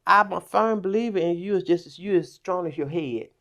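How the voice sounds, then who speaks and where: A middle-aged woman telling a personal story on a podcast, animated, acting out quoted voices. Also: lowish voice, brisk. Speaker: podcast guest. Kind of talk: casual storytelling.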